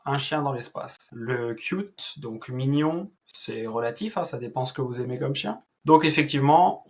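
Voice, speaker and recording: A man's voice: medium pitch, fairly bright tone. A man hosting a tech video, giving a casual walkthrough with a chatty, hesitant delivery full of fillers and restarts. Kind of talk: casual screen-recorded walkthrough.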